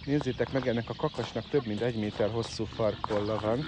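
A man's voice: medium pitch, fairly even intonation, very noisy. A man calling and coaxing his farm animals in a casual live stream, chatting to viewers outdoors. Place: outdoors in a farmyard. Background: birds and chickens.

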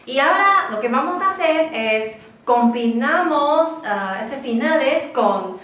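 A woman, a Mandarin speaker, giving a slow and patient beginner lesson, drawing out syllables for her students to repeat. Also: high voice, animated, fairly bright tone. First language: Mandarin Chinese. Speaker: Chinese teacher. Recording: roomy echo.

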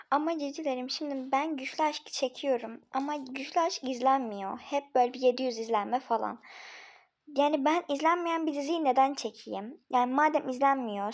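A woman hosting her own channel, giving a casual video intro and pleading with viewers to watch. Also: high-pitched. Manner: pleading, talks straight to viewers. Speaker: channel host.

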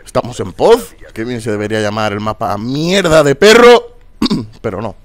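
A young man commentating his online shooter match, foul-mouthed and exasperated, bursting into shouts. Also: medium pitch, big pitch swings, normal speed, no room sound. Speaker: gameplay commentator. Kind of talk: casual gameplay commentary.

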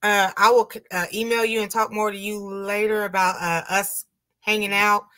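A woman's voice: medium pitch, level tone, moderate pace, pushed and bright. A woman hosting a casual livestream chat, reading viewer comments aloud and laughing often. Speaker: livestream host.

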